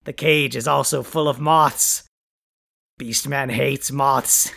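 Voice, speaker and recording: A performer playing a boastful male supervillain who hosts a podcast, delivering grandiose, insulting proclamations with a quick temper. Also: mid-range voice, steady tone, creaky, a bit bright. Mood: pompous. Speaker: podcast host. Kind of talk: comic scripted podcast.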